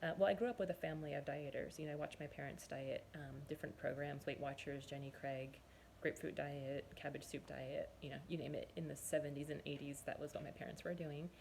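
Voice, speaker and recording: A woman in her forties speaks in a low, gravelly voice. She tells her own story as a nutrition and fitness coach, chatty and earnest, often pausing to recall. A faint hiss sits under her voice. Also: fairly even intonation, a little mellow. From Southern California, US. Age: 40s. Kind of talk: personal testimonial monologue.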